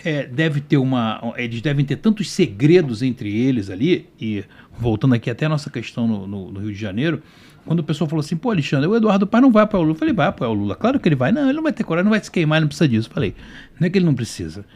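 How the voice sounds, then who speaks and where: Fast, animated Brazilian man arguing. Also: on the high side. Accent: Brazilian Portuguese. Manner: heated, rapid-fire argument. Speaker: panelist. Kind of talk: political debate talk.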